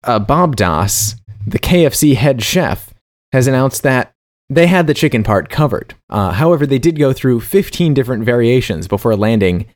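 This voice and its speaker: A man's voice: medium pitch, expressive, normal speed. A man co-hosting a casual comedy podcast, playful and mock-serious, reading food news and stumbling over tongue twisters. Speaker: podcast co-host.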